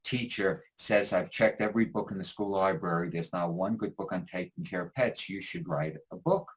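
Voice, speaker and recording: A deep-voiced older man, a psychologist spinning lively anecdotes, who jumps up in pitch to act out what others said. He laughs as he talks and keeps a warm, storytelling rhythm. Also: normal speed, rough recording. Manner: animated storyteller who acts out quotes and laughs often. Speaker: psychologist guest. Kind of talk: storytelling in an interview.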